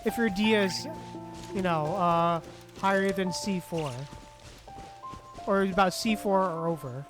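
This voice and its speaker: Over background game music, a streamer offers unhurried live commentary in a medium-pitched voice, leaving long pauses. The talk is casual, with repeated phrases, muttering, and offhand swearing.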